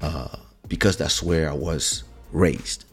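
Faint music plays behind this online show host, whose voice rumbles low, steady and slow with a breathy edge. Born in Africa and brought up in France with French as his first language, he talks to viewers in an opinionated, casual monologue full of emphasis, repetition and rhetorical questions.

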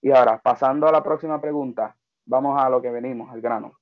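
A man interviews a guest in a friendly, chatty way, with plenty of fillers between his questions. His voice sits at an ordinary pitch. It comes through a narrow, phone-like band. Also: steady tone, fast. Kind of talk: casual interview chat.

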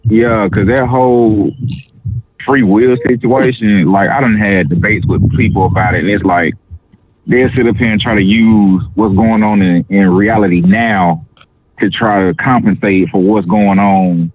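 A man's voice: fairly low pitch, unhurried, slightly rough. A man on a podcast, talking casually and arguing a point step by step. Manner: argumentative, working through an argument. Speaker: podcast co-host. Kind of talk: casual chat, debating. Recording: lo-fi audio.

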